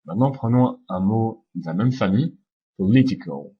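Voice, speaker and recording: A man with a fairly low, husky voice gives a slide-based pronunciation lesson. He explains calmly, often pausing on "euh" and slowing down to model each sound. The recording is dull and lo-fi. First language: French. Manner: explains calmly, demonstrates English sounds slowly, frequent "euh" fillers. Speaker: English pronunciation teacher.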